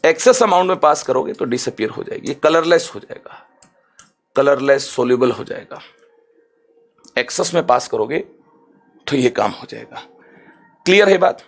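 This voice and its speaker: A male chemistry teacher with a gravelly edge to a mid-pitched voice, talking students through a lesson. He is animated and conversational, slows right down to spell out definitions, and keeps asking whether the class is following. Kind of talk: online lecture.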